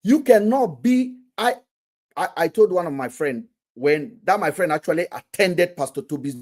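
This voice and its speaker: A man's voice: sits high, expressive, normal speed, darkish tone. A man hosting a casual live stream, talking animatedly and often restarting his words.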